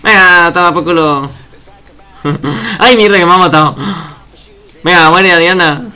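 This is a young man narrating his own online match from home, his voice bright and sharp, pitched a touch high for a man. He jumps between chatter and yelps, swearing at whoever gets him. Faint game music runs under his voice. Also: normal speed, clean tone. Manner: excitable, swears and shouts at opponents. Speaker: gaming youtuber. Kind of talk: casual gameplay commentary.

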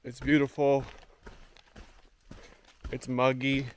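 A man's voice: mid-range voice, monotone, slow pace. Young guy vlogging his hike in the woods, chill and chatty, camera at arm's length, a bit of outdoor noise. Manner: easygoing, chatty, talking while hiking. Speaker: thru-hiker vlogger. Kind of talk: casual vlog check-in. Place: forest trail outdoors.

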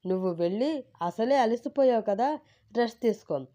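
A woman's voice: fairly high pitch, expressive, normal speed, mellow, voice pushed up, close to an everyday voice. A woman voicing a middle-aged mother-in-law who fusses over her daughter-in-law in a storybook narration. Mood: coaxing. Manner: fussy and fondly protective.

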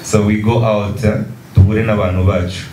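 A man from Rwanda, an organizer, answering press questions in a relaxed way with fillers. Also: fairly low pitch, moderate pace. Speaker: concert organizer. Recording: distant mic, echoey, noisy.

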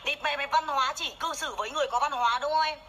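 Furious high-voiced woman ranting. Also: very fast, bright, forceful tone, a little hiss or hum, rough recording. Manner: foul-mouthed, furious, scolding. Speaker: livestreamer. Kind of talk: angry livestream rant. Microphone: phone camera during makeup livestream.

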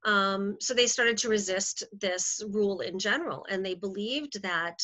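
A woman's voice: mid-range voice, measured pace, sharp tone. A middle-aged woman teacher giving a recorded history lecture over slides, chatty and full of ums and self-corrections. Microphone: computer mic, screen recording. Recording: slightly dull lo-fi sound.

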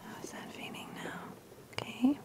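A woman whispering gentle, reassuring instructions in a slow ASMR massage roleplay. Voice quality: whispering, soft and soothing.

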